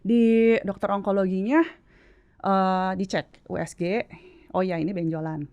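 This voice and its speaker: A woman's voice: mid-range voice, fairly even intonation, measured pace, a little mellow, smooth, muffled recording. A woman in her late twenties, a guest telling her story in a casual, chatty way and slipping English words into her speech. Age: late 20s.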